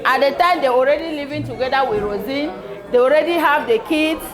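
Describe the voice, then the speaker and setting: Speaking a bit fast in a high-pitched voice, a middle-aged woman tells a story during a birthday toast, laughing often. The setting is a party hall, and the crowd around her is loud.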